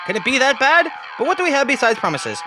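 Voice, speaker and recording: A man's voice: very high voice, sing-song, fast talker, music in the background, voice pushed up. A man voicing a theatrical, intense riddle-obsessed supervillain with an articulate, rhetorical manner in a comic reading. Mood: intense, brooding.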